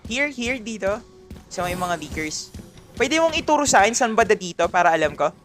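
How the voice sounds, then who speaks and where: A streamer from the Philippines with a Filipino accent commentates on his gameplay over music, greeting chat viewers by name and mixing Tagalog with English. His voice is high, sing-song and brisk.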